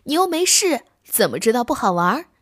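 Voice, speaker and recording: A woman's voice: fairly high pitch, expressive, measured pace, no echo, studio quality. A woman voicing a proud, boastful grown male wolf in a children's story, lecturing in a show-offy, impatient way.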